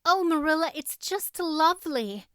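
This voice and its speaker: A woman's voice: sits high, lively intonation, a little slow, sharp tone, dry recording, studio quality, pitched above the performer's own voice, exaggerated voice. A woman voicing an eager, tender young woman in an audiobook, with an effusive and earnest manner. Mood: grateful, tender.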